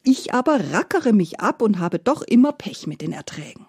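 A desperate poor farmer, as a woman storyteller puts him on, pleads and cries out in rising, agitated questions. The voice stays husky and close, with lively swings in pitch. A storybook telling for listeners. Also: moderate pace, no echo. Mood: pleading. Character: poor hard-working male farmer, desperate then hopeful.

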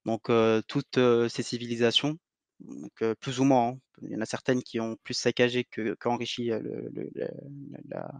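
Man from Algeria, monotone delivery, explains at length with stops and fixes, close dry mic. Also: mid-range voice, gravelly, no room sound. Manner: halting, self-correcting. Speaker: podcast guest, heritage advocate. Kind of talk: explanatory interview answers.

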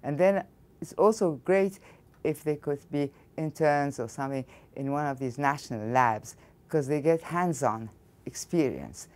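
This is an older Egyptian woman with a deep, darkish voice and a measured pace. She speaks with an Egyptian accent while answering interview questions thoughtfully as a physics professor, often restarting sentences, in a studio against a backdrop.

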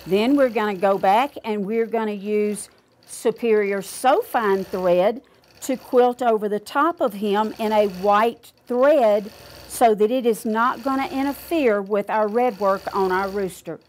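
A woman's voice: fairly high pitch, a little mellow. An older woman demonstrating quilting step by step, patiently explaining each click aloud in a studio. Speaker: quilting instructor.

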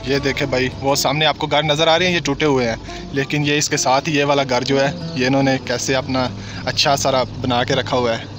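A young man talks casually to his viewers, circling back over his points and calling them brother. His voice sits at an ordinary pitch and is recorded on a phone inside a vehicle cab. Music plays clearly behind him. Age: young adult. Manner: chatty and repetitive, often calls viewers brother. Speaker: vlogger. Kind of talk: casual travel vlog narration. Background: background music.

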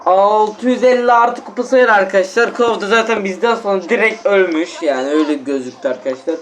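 Excitable young man commentating a game. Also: high-pitched, a little fast, slight background noise. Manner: excitable, exasperated, talks straight to viewers. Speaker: gaming channel host. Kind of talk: live gameplay commentary.

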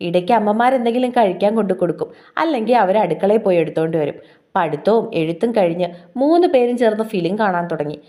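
A woman's voice: mid-range voice, expressive, fast talker, mellow. A woman narrating a family love story and voicing the characters' lines along the way.

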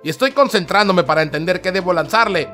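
A man's voice: high voice, expressive, fast talker, sharp tone, soft background music. A man giving dramatic, exclamatory gameplay commentary that narrates every move. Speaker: gaming channel host.

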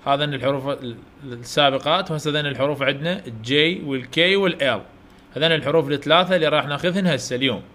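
An Iraqi man with an Iraqi Arabic accent teaches young children in an online lesson, his voice a little high for a man and fairly bright. He talks very fast, encouraging the kids to repeat each letter and praising them again and again.

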